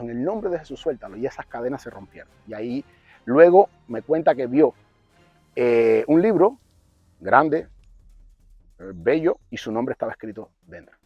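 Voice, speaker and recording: Brief: male testimony speaker, earnest and animated, mid-pitched warm tone, dry close sound. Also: no room sound, dull audio. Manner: earnest, animated retelling with fillers, addresses listener as brother. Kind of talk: personal testimony storytelling.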